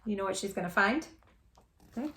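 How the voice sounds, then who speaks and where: Background noise accompanies a woman with a mid-range voice as she hosts storytime at a moderate pace. She reads a picture book expressively and chats playfully with the kids, addressing them directly in an animated way.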